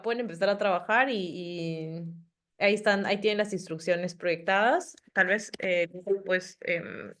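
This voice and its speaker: A woman coordinating a virtual class over a video call, sorting students into groups in a brisk, practical way. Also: fairly low pitch.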